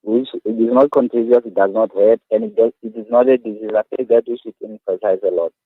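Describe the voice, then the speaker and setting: A man in his thirties with a South African accent, a guest speaking earnestly and haltingly, repeating his words as he explains. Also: on the low side, no echo. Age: 30s. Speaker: guest, awareness activist. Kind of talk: phone-in radio interview. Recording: tinny phone line.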